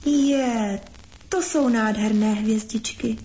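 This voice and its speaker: A woman's voice: a little high, mellow, a little hiss or hum, lightly acted. A woman voicing a small, sad little boy who pleads through tears in a storybook reading. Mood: amazed. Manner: tearful, pleading.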